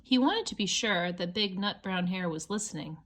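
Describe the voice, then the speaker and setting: A woman's voice: mid-range voice, lively intonation, moderate pace, a bit bright. A woman reading a children's picture book aloud, with simple explanatory asides for young listeners. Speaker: storybook reader.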